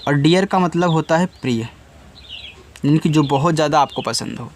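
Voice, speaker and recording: A man's voice: fairly high pitch, normal speed, slight background noise. A man teaching beginners to read, patiently spelling words out letter by letter and speaking directly to the student. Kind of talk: spelling and reading lesson for beginners.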